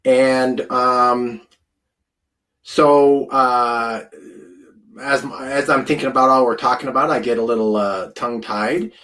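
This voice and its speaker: A man's voice: mid-range voice, fairly even intonation, takes it slowly, a bit bright. A man in his fifties, a food scientist giving an informal wellness presentation, rambling and chatty with many fillers, close to the camera mic. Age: 50s.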